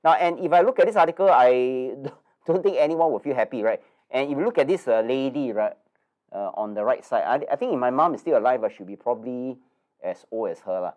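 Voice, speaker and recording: A man's voice: mid-range voice, lively intonation, brisk, darkish tone. A man hosts a live investing webinar, chatty and nasal, full of fillers and tag questions. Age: 50s. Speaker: investing course host.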